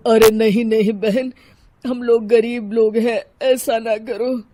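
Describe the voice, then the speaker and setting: A woman's voice: on the high side, steady tone, warm tone. Woman doing a humble poor vegetable seller man. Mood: pleading. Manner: slow and pleading.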